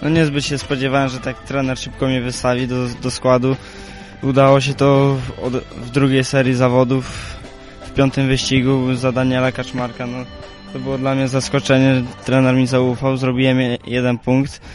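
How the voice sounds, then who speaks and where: A man's voice: mid-range voice, completely flat delivery, normal speed, faint music behind. A young man, a junior rider, giving plain brief answers in a post-race interview.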